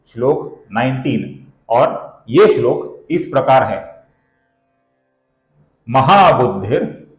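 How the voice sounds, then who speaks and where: Patient male teacher, fairly high voice, very slow and deliberate delivery, roomy echo. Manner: slow and deliberate, stretching out syllables when he chants; addresses viewers as friends, explaining step by step. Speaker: teacher of Sanskrit verse pronunciation. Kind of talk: slow, careful recitation lesson.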